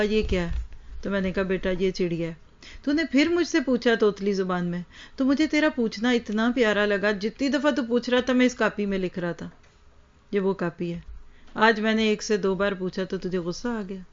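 A woman voicing a gentle old father who recalls his son's childhood, in a tender storytelling manner, on a slightly dull recording. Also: medium pitch, lightly acted.

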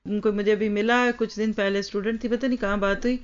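A woman's voice: mid-range voice, steady tone, slight background noise. A woman giving an Islamic lecture, teaching earnestly and addressing her listeners directly, on a slightly dull recording. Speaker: religious lecturer.

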